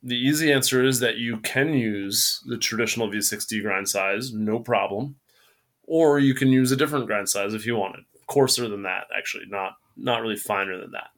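A man's voice: fairly low pitch, moderate pace, a bit bright. A man who is a guest on a podcast, a coffee roaster talking in an easygoing way and explaining things plainly. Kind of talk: casual podcast chat.

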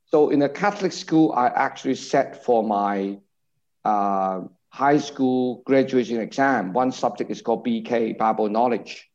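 A man's voice: mid-range voice, darkish tone. Man on a dull call line. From Hong Kong. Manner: measured storyteller, repeats reported speech. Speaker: guest, mission agency director. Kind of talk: conversational interview testimony. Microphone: video call. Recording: dull remote-call audio.

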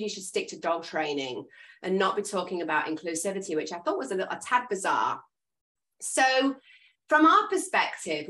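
An English woman hosting a casual video call for an association of dog trainers, chatty and expressive as she tells stories. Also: mid-range voice. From England. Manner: chatty, expressive storyteller, self-described loud and noisy. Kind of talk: casual chat.

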